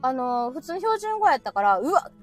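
A woman from Osaka chats in a Kansai accent, her high voice leaping up and down as she talks. She laughs often and keeps the conversation lively. Soft music plays faintly behind her. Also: a little fast. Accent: Kansai Japanese. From Osaka, Japan. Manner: animated and chatty, often laughing. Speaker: co-host of a live audio talk show. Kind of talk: casual chat.

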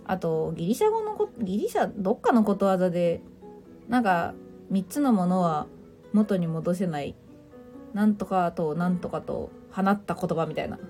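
A woman's voice: on the low side, expressive, moderate pace, mellow, soft background music. A woman hosting a casual livestream, chatting playfully, teasing listeners as she reads their comments and mixing in English phrases. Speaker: livestream host.

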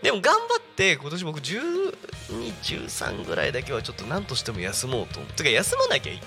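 A man's voice: mid-range voice, wildly swooping pitch, fast talker, gravelly, over music. A man hosting a casual live local radio show, chatty and rambling, laughing often, with a stuffy nose and throat. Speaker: radio personality.

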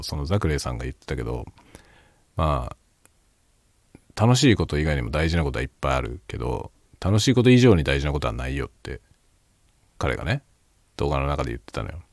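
A middle-aged man chatting alone in a quiet, hushed late-night voice, reflective and self-deprecating. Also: rumbling low, sing-song, fast, vocal fry, no room sound, studio quality. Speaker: YouTube host. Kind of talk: casual late-night solo chat.

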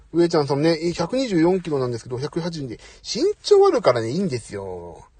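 Middle-aged guy rambling on his live stream, kinda husky, voice jumps all over, keeps saying sorry, dry close phone sound. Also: on the high side, darkish tone, no room sound. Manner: chatty, apologetic, self-deprecating. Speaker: host. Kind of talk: casual live audio chat. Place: parked outside, away from home.

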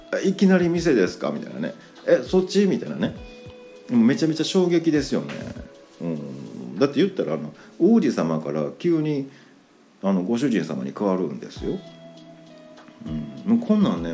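A man with a Kansai accent, telling a story on his podcast in a relaxed, chatty way. His voice sits low and mellow, but the pitch swings widely as he acts out the moments he describes. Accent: Kansai Japanese. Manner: animated, acts out quoted lines in a higher voice. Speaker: podcast host. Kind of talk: casual storytelling monologue.

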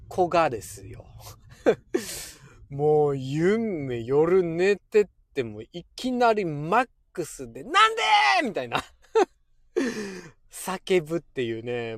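Chatty Kansai man, lively pitch. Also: no room sound. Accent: Kansai Japanese. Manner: chatty, laughs often, playful. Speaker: podcast host. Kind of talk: casual solo chat.

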